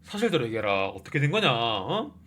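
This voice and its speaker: Unfaithful husband begging, mock teary, bright lively voice as a guy puts him on. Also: mid-range voice, brisk, pitched below the performer's own voice. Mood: angry. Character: unfaithful husband pleading then bitter.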